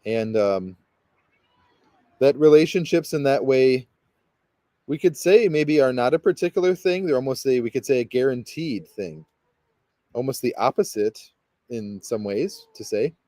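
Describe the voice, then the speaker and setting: A man leads a guided meditation in a mellow, relaxed voice of middle pitch. He rambles and hesitates, circling back on himself with fillers and restarts. The recording is dry and close, with no room sound. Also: measured pace, pauses often, no room sound. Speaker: spiritual guide leading a meditation.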